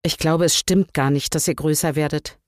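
An older woman voicing a tiny fat old king who shrinks with age, speaking slowly and thoughtfully in a lowered voice. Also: steady tone, dry recording, clean studio sound, natural voice. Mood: musing.

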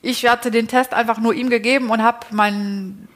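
A woman's voice: a little high, fairly even intonation, moderate pace. Chatty woman telling her story. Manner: chatty, frequent tag questions and self-restarts. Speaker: interview guest. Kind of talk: casual personal storytelling.

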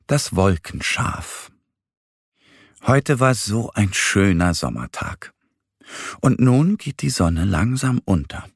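A man narrating a children's bedtime story in a slow, gentle, expressive way. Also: fairly low pitch, creaky, husky, no echo, clean studio sound.

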